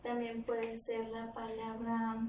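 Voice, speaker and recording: In a recorded remote review lesson, a primary school teacher with a Guatemalan Spanish accent walks young pupils through grammar step by step, patiently. Her voice is on the high side, monotone, slow and a little mellow, and she's far from the mic. The room echoes, with faint background noise.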